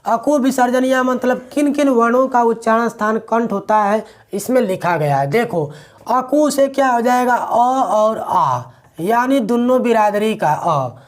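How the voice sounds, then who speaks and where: A man's voice: very high voice, lively intonation, unhurried. A male teacher, giving a classroom grammar lecture to students. He asks questions and answers them himself, repeating the key words.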